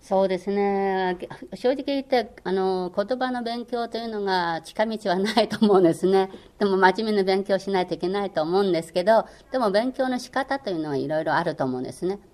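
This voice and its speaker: A woman's voice: medium pitch, fairly quick, hardly any pauses, a little mellow. An older woman whose first language is Chinese, a former radio language lecturer, answering interview questions in an earnest, encouraging way with many hesitant fillers.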